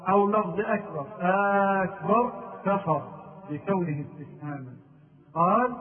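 A man giving a religious lesson on mistakes in the call to prayer, chanting the phrases to show them. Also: fairly high pitch. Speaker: religious teacher. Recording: tinny phone-like distant sound.

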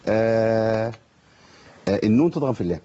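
A man's voice: fairly low pitch, dark tone, dull audio. A man with an Egyptian Arabic accent, hosting a casual studio talk about Quran recitation and chiming in often. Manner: fast, chatty, interjects often. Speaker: host of a Quran recitation show.

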